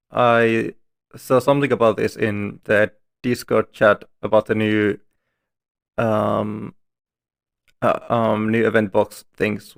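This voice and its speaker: A man's voice: lowish voice, vocal fry. A man streaming from home, reading story text aloud and breaking off for chatty, self-deprecating asides.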